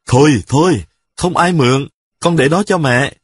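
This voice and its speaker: A man voicing a fussy young wife, sharp-tongued but caring, who scolds and frets. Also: on the high side, normal speed, breathy edge. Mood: bossy. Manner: scolding, fretful.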